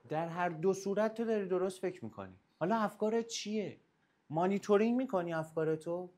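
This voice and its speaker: Animated man giving a motivational talk. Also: high voice. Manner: animated storyteller acting out quoted voices. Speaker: self-love coach.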